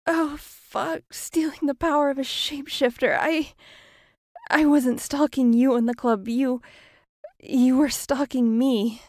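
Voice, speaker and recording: A woman voicing a female shapeshifting monster in an erotic audio role-play, breathy and halting, with sighs and drawn-out words. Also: high voice, darkish tone, no room sound, clean studio sound, full character voice. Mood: panicked, pleading. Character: predatory female shapeshifting monster, seductive captor turned panicked prey.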